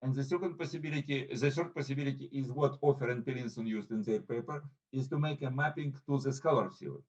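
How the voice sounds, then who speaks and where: A man presents a physics talk at a conference and answers questions, with a mid-range voice. He talks in a halting, hesitant way and often pauses to find his words. The sound is muffled and dull, like video-call audio. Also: medium pitch. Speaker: invited speaker.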